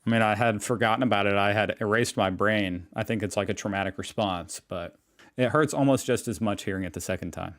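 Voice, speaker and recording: A man hosting a reaction video, delivering sarcastic, deadpan commentary. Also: on the low side, fairly quick.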